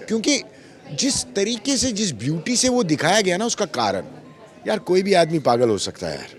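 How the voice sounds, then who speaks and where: A man being interviewed about an acting role, telling lively stories, acting out quoted lines and mixing in English phrases. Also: sits high, normal speed. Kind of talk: animated storytelling interview.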